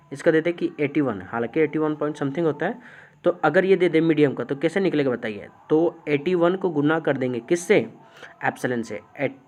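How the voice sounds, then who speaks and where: A male physics teacher, giving a classroom lecture. He keeps asking the class questions, answers them himself, and slows down to dictate definitions. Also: a little high.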